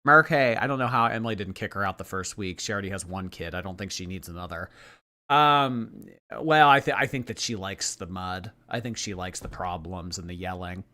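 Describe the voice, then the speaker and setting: Low, bright-toned man chiming in on a stream. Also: brisk. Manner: emphatic, interjects, thanks chat viewers. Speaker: co-host. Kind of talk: livestream commentary and reading chat.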